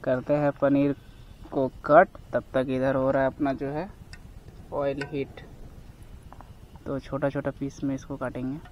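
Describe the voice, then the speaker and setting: A man's voice: medium pitch, level tone, measured pace, long pauses, highs cut off, a little hiss or hum. A young man from India chats to viewers while camping and cooking outdoors in a forest. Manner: chatty, addresses viewers as guys. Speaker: camping vlogger. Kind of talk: casual vlog narration.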